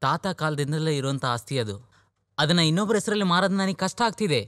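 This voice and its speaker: An actor dubbing a firm but caring elder brother who talks insistently in a dubbed film. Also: male voice, on the high side, animated, fast, a bit bright, no room sound, clean studio sound.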